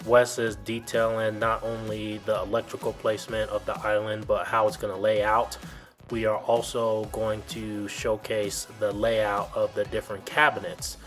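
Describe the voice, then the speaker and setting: A man's voice: fairly low pitch, little pitch movement, normal speed, faint music behind. A man giving an explanatory, informal video tour narration as a home builder's guide, in a plain, instructive way.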